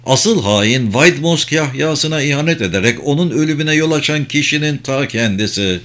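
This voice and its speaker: A man voicing a male officer who speaks low, quiet and controlled. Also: animated, normal speed. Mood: steady.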